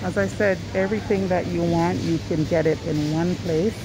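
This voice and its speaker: A woman's voice: fairly low pitch, steady tone, moderate pace, music in the background, poor audio. A Jamaican woman vlogging as she shops in a supermarket, chatting and reading out prices while filming on a handheld phone. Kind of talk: casual shopping vlog narration. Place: supermarket aisles, indoors. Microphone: handheld phone camera. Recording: loud store ambience behind her.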